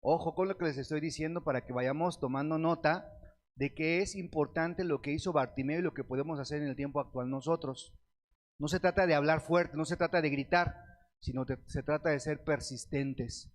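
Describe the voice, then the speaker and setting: Guy preaching a sermon, kinda higher voice, asks stuff n answers it, calls everyone beloved brethren. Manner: asks questions and answers them himself; reads scripture aloud with slow stretched words.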